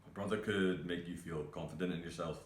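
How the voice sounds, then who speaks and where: A man playing a halting grieving young cook. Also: low voice, steady tone, roomy sound, natural voice. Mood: subdued. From Scotland. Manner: hesitant, halting, many fillers and restarts. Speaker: actor performing a monologue. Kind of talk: self-tape monologue.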